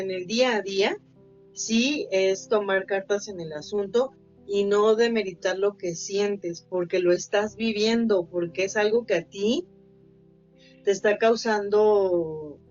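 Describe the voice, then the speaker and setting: A woman's voice: medium pitch, a little mellow. A woman, chatting on a podcast and telling a personal story with plenty of fillers. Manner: anecdotal, acts out quoted voices, many fillers. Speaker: podcast co-host. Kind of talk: casual podcast chat. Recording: slightly dull lo-fi, faint music bed.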